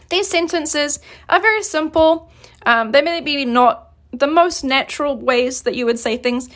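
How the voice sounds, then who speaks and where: A woman from New Zealand teaching a live-streamed grammar lesson, explaining patiently and clearly, slowing down on her examples. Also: high-pitched, a bit bright. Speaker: Korean language teacher.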